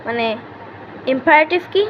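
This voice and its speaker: A woman teaching English to kids in a casual online lesson, repeating each phrase slowly for practice. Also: high voice, animated, dull audio, slight background noise.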